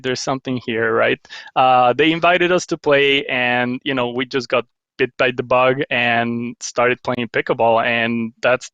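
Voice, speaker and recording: A man's voice: medium pitch, a bit bright, clear, resonant tone, no echo. A man talks casually as a guest over a slightly dull, lo-fi remote line. His voice sits mid-range, and the sound is dry and close. He rambles, restarts often, and laughs at himself. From Guatemala. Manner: rambling, with many restarts and self-deprecating laughs. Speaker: guest, paddle company owner. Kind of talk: casual interview chat.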